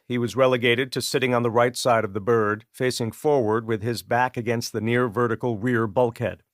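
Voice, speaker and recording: A man reads an audiobook in a measured, steady way. His voice sits mid-range and sounds close and dry, as in a studio booth. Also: medium pitch, no echo. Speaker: audiobook narrator. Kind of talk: scripted narration.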